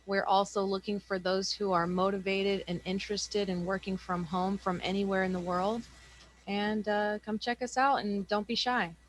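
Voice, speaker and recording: Woman host, mid pitch, bright and welcoming, pitching her group. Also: level tone, normal speed, rough recording. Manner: upbeat, welcoming, promotional. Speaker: class host. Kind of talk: hosting an online class.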